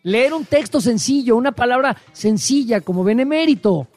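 Co-host: Mexican man, high voice, crude mocking banter, faint music behind. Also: lively intonation, normal speed, darkish tone. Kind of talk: casual comedic commentary.

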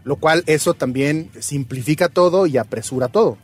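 A man's voice: on the high side, normal speed, husky, soft background music. A man chatting casually on a radio show, explaining things at length with plenty of fillers. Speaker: sports segment guest. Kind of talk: casual chat.

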